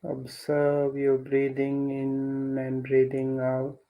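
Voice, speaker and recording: In a muffled recording, a man teaching a guided meditation speaks in a monotone at medium pitch. He is gentle and deliberate, pausing at length between each instruction.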